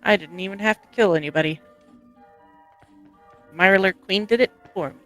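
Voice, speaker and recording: A woman's voice: medium pitch, moderate pace, fairly bright tone. A woman talking loosely over a game session, her talk wandering and peppered with swearing. A faint bed of music runs underneath. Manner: rambling, profane, joking. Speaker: gamer on a stream. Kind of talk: casual chat while gaming.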